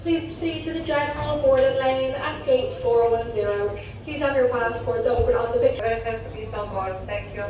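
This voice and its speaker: A woman's voice: fairly high pitch, normal speed, few pauses, far from the mic. A woman gate agent making an airport boarding announcement. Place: busy airport terminal. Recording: muffled, very echoey airport PA, crowd noise.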